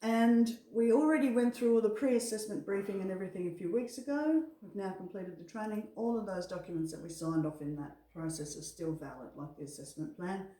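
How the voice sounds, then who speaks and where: A woman's voice: mid-range voice, brisk, hardly any pauses, mellow. A woman working as an assessor, giving a spoken briefing in a reassuring, encouraging manner. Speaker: assessor and trainer. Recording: echoey room, distant microphone.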